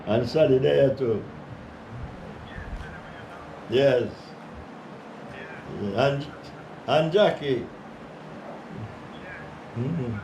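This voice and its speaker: An older man chatting casually on the phone, talking like an old man in a halting way and repeating his words. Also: medium pitch, mellow, muffled recording. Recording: echoey room, clear background noise.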